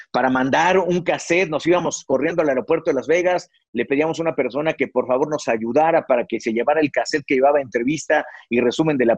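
A man's voice: on the high side, husky, dry recording. A middle-aged man, a sportscaster guest recalling his career in an interview, with frequent fillers and restarts. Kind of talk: reflective interview storytelling. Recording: dry, slightly dull recording.

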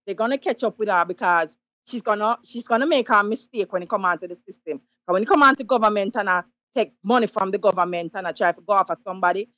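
A woman's voice: mid-range voice, fairly bright tone, no room sound. A Jamaican woman calling in to a talk show, giving emphatic, preachy advice in patois. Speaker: caller. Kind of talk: call-in radio commentary.

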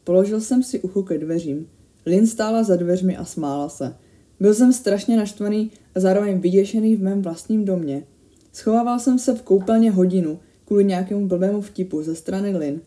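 A woman reading a first-person horror story aloud in a steady, measured way that grows tense at the scary moments. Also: medium pitch.

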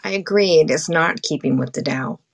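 A woman in a casual spiritual chat, hoarse from allergies, with a husky smoker-like voice and animated storytelling. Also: low-pitched, fairly quick. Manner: animated storytelling, acts out quotes. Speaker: guest co-host.

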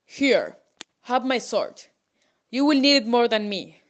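Woman playing a wise old lord, serious and firm, a bit louder than her narration. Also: a little high, animated, slow, highs cut off. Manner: serious, commanding.

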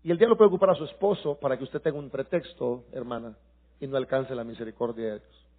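A middle-aged male pastor, preaching a sermon that swings from quiet confiding talk to passionate shouting. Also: medium pitch, quick pace, slightly rough, phone-quality sound.

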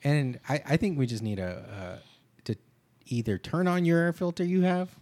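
Animated man in casual, playful chat. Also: on the high side, normal speed. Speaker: podcast co-host.

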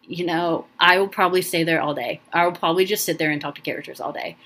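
A young woman with a low voice talks through a casual podcast on her own. She rambles warmly, full of ums and restarts, and sounds emotional, close to tears. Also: fairly even intonation, fast talker. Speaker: podcast host. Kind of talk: casual solo podcast talk.

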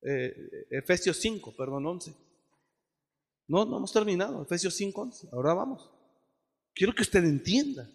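A man preaching a sermon as pastor, acting out quotes and rising to shouted peaks. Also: sits high, animated, normal speed, gravelly, long pauses, slightly rough. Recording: long hall reverb.

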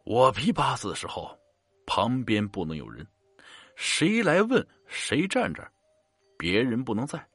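Man doing a calm old fortune-teller, husky voice, swooping pitch, dry sound. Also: no room sound, exaggerated voice. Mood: measured. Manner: composed, unhurried. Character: calm elderly male fortune-teller from out of town.

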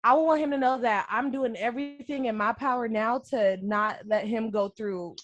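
A woman's voice: fairly high pitch, normal speed, muffled recording. A young adult woman speaking frankly and reflectively about being a mother in a candid casual chat. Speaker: guest friend.

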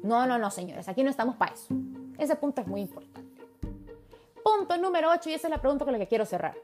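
A woman's voice: high-pitched, animated, fast talker. Chatty woman giving relationship advice. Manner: chatty, emphatic, acts out quoted voices, calls listener "mija". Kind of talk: casual advice monologue. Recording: soft music in background.

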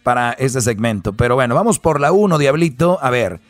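A male radio host talks in a mocking, wisecracking way on a comedy show. His voice sits at a middle pitch, and the sound is dry and close to the mic. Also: fairly quick, no room sound, soft background music.

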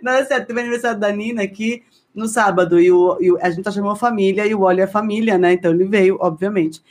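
A woman's voice: medium pitch, steady tone, a little mellow. A woman co-hosting a podcast, casually telling a household story. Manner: chatty storyteller, quick asides. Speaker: podcast host. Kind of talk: casual chat.

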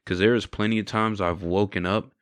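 A man in his twenties tells his testimony as casual, conversational storytelling, candid and reflective, often tossing in "right?" and "you know." His voice is fairly low and fairly bright, with a steady tone and a brisk pace. The recording is clean studio sound with no room sound.

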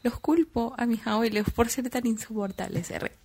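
A woman's voice: on the high side, normal speed, dark tone, slightly rough. A young woman, chatting casually, blunt and self-deprecating, swearing freely. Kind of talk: casual chat.

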